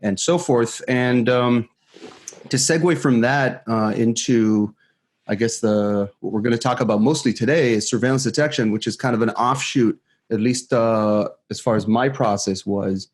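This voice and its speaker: A man's voice: mid-range voice, normal speed. Hesitant Israeli-raised man in a kitchen. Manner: hesitant, many fillers and restarts. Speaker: guest security expert. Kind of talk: casual interview talk. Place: home kitchen. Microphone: studio microphone.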